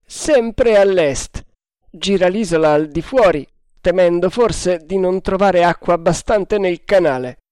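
A man voicing an Indian lookout sailor who shouts his sightings from high on the mast. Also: sing-song, slow, few pauses, dry recording, studio quality, full character voice. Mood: reporting. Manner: shouted calls, high and strained.

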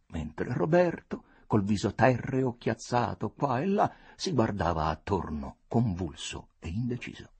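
A man giving an expressive, theatrical audiobook reading of a story. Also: fairly low pitch, slightly rough. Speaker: narrator.

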